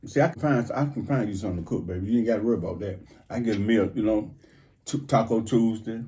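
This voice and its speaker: A man's voice: on the low side, fast talker, warm tone. A middle-aged man, chatting casually and teasingly over a meal, chewing while talking. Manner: playful teasing. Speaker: mukbang co-host.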